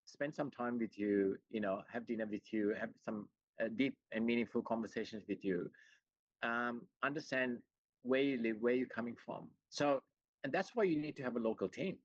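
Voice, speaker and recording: This middle-aged man, a chief executive appearing as an interview guest, has a mid-range voice and talks at a normal speed. He was born in Sri Lanka but has lived in Australia for a long time, and he answers earnestly in an explanatory, conversational way full of "you know"s. The video call sounds dull and roomy.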